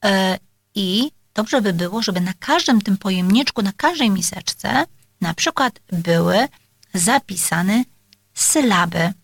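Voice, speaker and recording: A woman's voice: mid-range voice, lively intonation, takes it slowly, vocal fry, husky, no echo, studio quality. A woman speech therapist explaining exercises to parents, talking with many hesitations and filler sounds and addressing her listeners politely.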